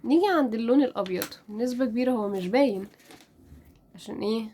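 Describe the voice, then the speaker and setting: A woman with an Egyptian Arabic accent teaching French pronunciation in a casual lesson, spelling out letters and repeating each word slowly. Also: on the high side, mellow, a little hiss or hum. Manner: drills words slowly, repeating each one.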